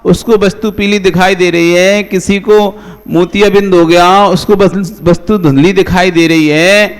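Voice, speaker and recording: High-voiced monk preaching in a reverberant hall. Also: male voice, steady tone, measured pace, smooth. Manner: conversational, asks the listeners rhetorical questions; addresses listeners by name. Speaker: monk giving a sermon. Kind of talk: devotional sermon.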